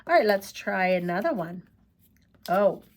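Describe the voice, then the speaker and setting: A woman teaching preschoolers, talking slowly in a coaxing, sing-song way as she asks questions and praises answers. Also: medium pitch, lively intonation. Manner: slow, sing-song, coaxing talk to small children. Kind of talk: children's lesson.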